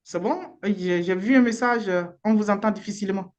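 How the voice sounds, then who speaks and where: A woman's voice: medium pitch, normal speed. A woman lawyer with a Beninese accent gives informal, frank advice in a live online session, using the odd blunt slang word. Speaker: immigration lawyer.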